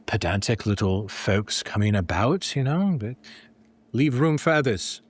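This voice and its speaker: A man voicing a magical scholarly young gentleman in a door, formal, courteous and smug, in tabletop role-play. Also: fairly low pitch, lively intonation, unhurried, husky. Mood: smug, coolly threatening.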